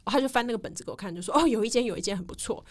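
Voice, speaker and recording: A woman's voice: on the high side, rapid-fire. A woman co-hosting a casual podcast chat, telling a travel story and acting out the voices of people in it. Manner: animated, acts out dialogue in her story. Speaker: podcast co-host.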